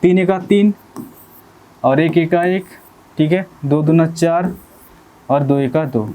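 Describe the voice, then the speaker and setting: A man's voice: fairly high pitch, slow pace, dark tone. A man teaching an exam-prep maths lesson, explaining step by step, repeating key phrases and checking in with his students often.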